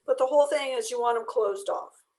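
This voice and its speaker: A woman's voice: fairly high pitch, fairly quick. Chatty woman teaching a drawing class online. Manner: relaxed, chatty, explains step by step. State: losing her voice. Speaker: art workshop instructor. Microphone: video call.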